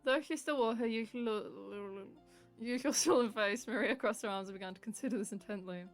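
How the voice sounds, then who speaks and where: A woman's voice: a little high, normal speed, faint music behind. A woman hosting a let's-play, reading visual novel text aloud with a playful, giggly manner.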